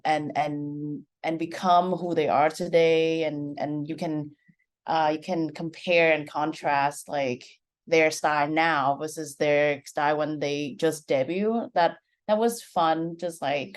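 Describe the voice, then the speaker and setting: A Vietnamese woman in her twenties, with a Vietnamese accent and a low-pitched voice, chats casually as a guest director in an interview, leaning heavily on "like."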